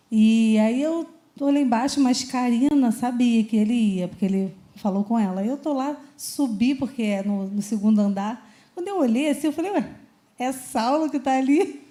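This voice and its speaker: A woman's voice: mid-range voice, warm tone. A woman with a Brazilian accent sharing her testimony at a church service in an earnest, conversational way. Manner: earnest and conversational, often adding "né?". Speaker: church member giving testimony. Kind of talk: personal testimony. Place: church service before a congregation.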